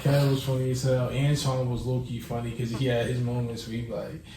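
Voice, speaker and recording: A man's voice: mid-range voice, monotone, fairly quick, dark tone, recorded from a distance. A young man in casual chat, laid-back and slangy, swearing freely as he reminisces. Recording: roomy, off-mic with background noise.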